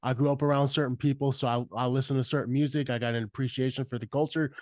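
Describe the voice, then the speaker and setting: A man's voice: medium pitch, fairly even intonation, quick pace, a little mellow, no echo, clean studio sound. A man hosting a podcast, talking in a rambling, casual way with many fillers. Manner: rambling, filler-heavy, says bro a lot. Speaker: podcast host. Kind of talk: casual interview chat.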